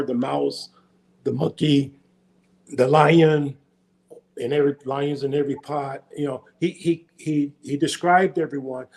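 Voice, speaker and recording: A man's voice: medium pitch, vocal fry, a little mellow. An older American man, a podcast guest, talking in a rambling, casual way and often repeating and restarting his words. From United States. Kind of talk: casual interview chat.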